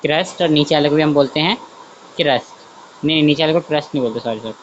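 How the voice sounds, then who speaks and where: A man's voice: fairly high pitch, steady tone, fast, dull audio, a little hiss or hum. A man teaching a class in a chatty way, thinking aloud, often saying okay, and checking that students follow. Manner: chatty, repeats "theek hai" often, thinks aloud while drawing; self-correcting, asks students if they understood. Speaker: science teacher. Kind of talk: online class lesson.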